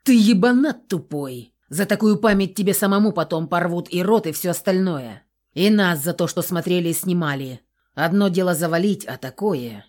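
A gruff male thug who holds the camera, cautious and harsh, as a woman narrator puts him on. He scolds in a rough, slightly low voice. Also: animated, moderate pace, a little mellow. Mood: angry.

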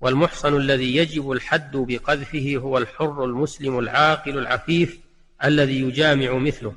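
A man delivering a scripted religious lesson in formal Standard Arabic, with a measured, classical delivery. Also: medium pitch, fairly even intonation, fairly bright tone. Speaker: religious teacher giving a recorded lesson. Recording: long hall-like reverb.

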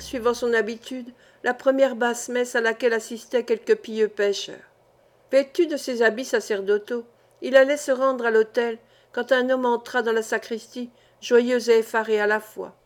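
A woman narrating an audiobook of a classic novel in a steady, clear reading voice. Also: a little high.

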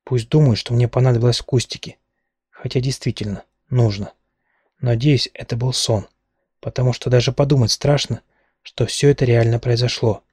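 A man reading a first-person novel aloud at a steady, measured pace. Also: mid-range voice, slightly rough, no room sound, studio quality. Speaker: audiobook narrator.

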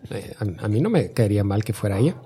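A man's voice: lowish voice, expressive, quick pace, dark tone, breathy edge. A man, relaying comics news and rumors in a matter-of-fact way during a casual chat. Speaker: podcast co-host, news reader.

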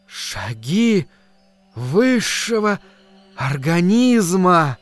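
A man voicing a mysterious, supernatural voice that calls out slowly over a crowd, drawing out each word and sinking toward a whisper. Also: sits high, very animated, a bit bright, clean tone, faint music behind, pitched above the performer's own voice, exaggerated voice. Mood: solemn, rapturous. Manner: slow, drawn-out, swelling then sinking to a whisper. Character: mysterious booming supernatural voice from above. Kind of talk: audiobook character voice.

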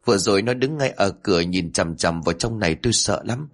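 A man's voice: sits low, animated, brisk. A man voicing a tearful, terrified old grandmother in a spoken ghost story.

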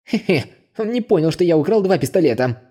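A man's voice: sits high, lively intonation, fast talker, mellow, pitched above the performer's own voice. A man voicing a sneaky, greedy young male thief in an audiobook, snickering and scheming under his breath. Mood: smug. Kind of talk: audiobook character voice.

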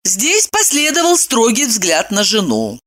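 Expressive comic audiobook reader, swinging pitch, playful ironic storytelling. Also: unhurried.

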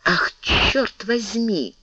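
A man voicing a scheming male bishop who speaks softly but commandingly. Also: high-pitched, expressive, very slow, breathy edge, highs cut off, voice pushed up, heavily acted. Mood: urgent. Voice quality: soft, hushed, urging.

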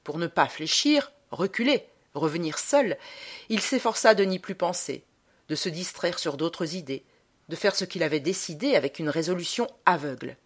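A woman narrates a short story for an audiobook. Her voice sits low but rises and falls expressively, measured in its delivery. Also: expressive, husky. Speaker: reader.

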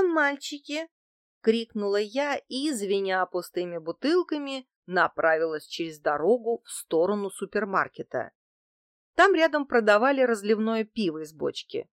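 A woman's voice: medium pitch, very animated, moderate pace, no echo, clean studio sound. A woman reading a crime novel aloud in the first person, telling the story steadily. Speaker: audiobook narrator. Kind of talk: first-person scripted narration.

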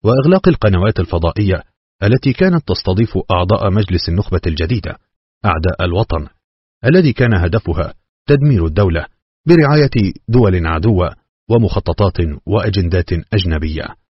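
A man narrates a novel in a steady, solemn manner. His voice is deep and husky. The recording is dry and sounds dull and lo-fi. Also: quick pace, no room sound. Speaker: audiobook reader.

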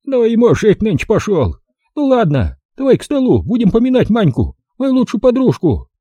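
A sharp-tongued old countrywoman, brusque and scornful, as voiced by a man reading aloud. The voice sits high and swoops widely, with a dark, husky grain. It sounds dry and close to the mic. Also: wildly swooping pitch, moderate pace, no echo, heavily acted. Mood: chiding. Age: older. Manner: scolding, rustic, brusque. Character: feisty old village woman, sharp-tongued, bossy.

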